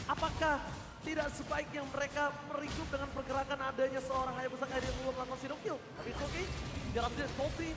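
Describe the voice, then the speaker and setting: An Indonesian man doing live play-by-play esports commentary as an excited fighting game announcer. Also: extremely high pitch, quick pace. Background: music.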